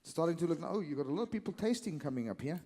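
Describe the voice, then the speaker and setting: A middle-aged man hosts a live cooking demo, chatty and jovial, ribbing the young chefs. His voice sits a bit high. The sound carries the long reverb of a big convention hall. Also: expressive, racing, mellow. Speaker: host of cooking demo sessions. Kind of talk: casual live event hosting.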